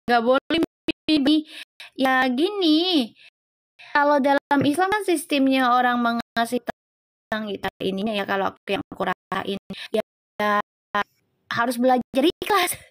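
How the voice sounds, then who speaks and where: A woman's voice: a little high, moderate pace. A woman tarot reader, hosting a live stream in a casual, chatty way, teasing viewers and greeting them by name.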